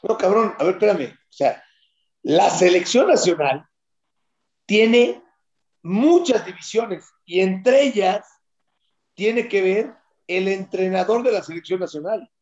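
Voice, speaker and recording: A man on a sports panel, rambling slowly and swearing casually as he makes his point. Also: high-pitched, a little mellow, muffled recording. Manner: slow, profane, rambling. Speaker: football panelist. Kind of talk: casual crude panel banter.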